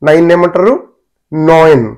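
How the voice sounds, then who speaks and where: A man teaching a German language lesson, slowly repeating words for learners to copy. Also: fairly high pitch, steady tone, darkish tone.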